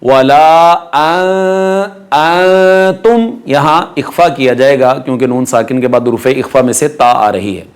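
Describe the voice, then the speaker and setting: A man with a Pakistani Urdu accent teaching Quran recitation rules, explaining each point and then reciting the words slowly and drawn out. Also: medium pitch. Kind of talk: tajweed lesson with slow recitation.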